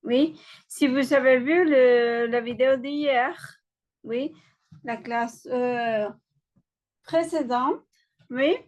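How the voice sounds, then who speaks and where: Woman w/ teaching french online, high voice, slow and patient. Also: a little mellow. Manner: slow, explains step by step, switches between French and Spanish. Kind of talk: online class lecture.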